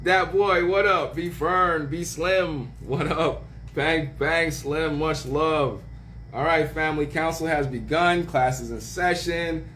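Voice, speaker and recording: Unhurried man shouting out livestream viewers. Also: a little high, a little hiss or hum. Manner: greets viewers by name with slang shout-outs; laughs often, drawn-out words. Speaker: livestream host. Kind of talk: casual livestream chat.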